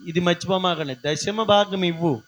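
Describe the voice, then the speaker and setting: A man's voice: high-pitched, normal speed, low-quality recording. A man pastor preaching a live sermon, singing refrains and calling out questions to the congregation. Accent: Telugu.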